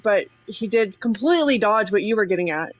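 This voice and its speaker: A woman's voice: medium pitch, animated, fairly quick, no echo. A woman joining a discussion over a remote call with a bad connection that keeps cutting out, talking hesitantly with stumbling restarts. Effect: bad connection, audio cutting out. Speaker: call-in participant. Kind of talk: casual discussion. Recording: dull lo-fi call audio.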